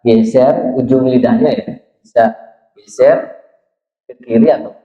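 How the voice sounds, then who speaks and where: With a steady tone and a mid-range voice, a man teaches Quranic letter pronunciation at a measured pace, patiently demonstrating sounds and drawing out words as he recites in a small prayer room. The sound is roomy, dull, and lo-fi.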